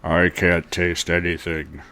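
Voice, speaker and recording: A man playing a teenage boy whose voice is suddenly pitched down deep, talking slowly and sounding puzzled in an improvised comedy scene. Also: little pitch movement, pushed and bright.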